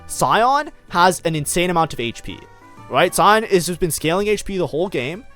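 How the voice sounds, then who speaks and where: A man talks through his own match in a loose, chatty way, with plenty of fillers. His voice sits a little high and rises and falls in a lively, animated way. Faint music plays quietly under his commentary. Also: normal speed. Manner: chatty, lots of fillers like "like, you know". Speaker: game streamer reviewing his own match. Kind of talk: casual gameplay commentary.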